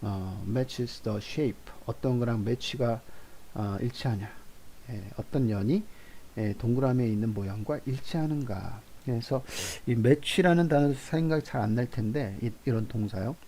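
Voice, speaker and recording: A man giving an English lesson, slowly repeating and drilling example sentences for his students. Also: mid-range voice, warm tone, a little hiss or hum. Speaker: English teacher. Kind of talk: classroom lecture.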